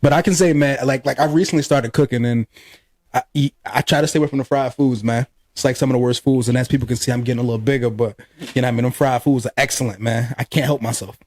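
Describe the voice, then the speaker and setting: A man's voice: medium pitch, steady tone, fast talker, a little mellow, no room sound, clean studio sound. A man co-hosting a podcast in loose, joking casual chat, laughing often and cursing freely. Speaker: podcast co-host.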